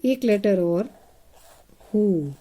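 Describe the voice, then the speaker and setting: A woman teaches English phonics to children in a slow lesson, spelling words letter by letter and sounding them out. She calls her pupils children and asks them questions. Her mid-range voice is warm, with lively intonation and drawn-out words.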